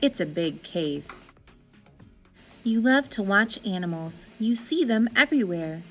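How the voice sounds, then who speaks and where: A woman with a mid-range voice reads a children's story aloud as an expressive narrator, phrasing things deliberately and dramatically over soft background music.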